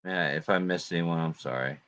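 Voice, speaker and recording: A man's voice: sits low, fairly quick, fairly bright tone, lo-fi sound. A man hosting a casual livestream, greeting viewers and chatting in a laid-back way with plenty of fillers and laughs. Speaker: livestream host.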